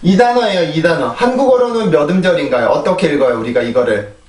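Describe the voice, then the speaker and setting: A man's voice: on the high side, expressive, quick pace, darkish tone. A man teaching English pronunciation, explaining patiently, repeating words in drills and checking in with his listeners. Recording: echoey room, mic at a distance.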